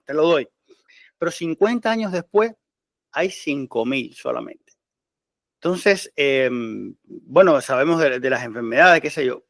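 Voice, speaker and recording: A man's voice: fairly high pitch, no room sound, clean studio sound. A man with a Cuban accent explaining history in a conversational way, talking straight to the listener and often restarting his words. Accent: Cuban Spanish. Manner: conversational, addresses listener as tú, frequent restarts and stammered repeats. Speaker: history presenter. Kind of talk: informal history talk.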